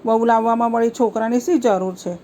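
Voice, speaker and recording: A woman's voice: on the high side, steady tone, fairly quick, warm tone, a little hiss or hum, natural voice. A woman voicing a stubborn elderly Brahmin wife who insists and scolds, in a devotional folk story. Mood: insistent.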